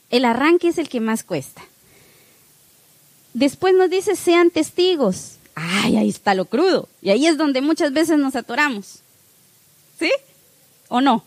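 A woman's voice: high-pitched, dry recording. A woman giving a parish catechesis talk, chatty and full of rhetorical questions to her listeners.

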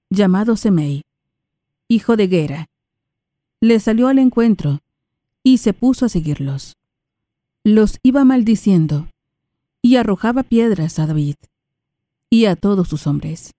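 A woman reading prayers, scripture and a psalm aloud in a measured, reverent way. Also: mid-range voice, mellow, dry recording, studio quality. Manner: measured, reverent, unhurried phrasing. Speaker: liturgical reader. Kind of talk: slow solemn scripture reading.

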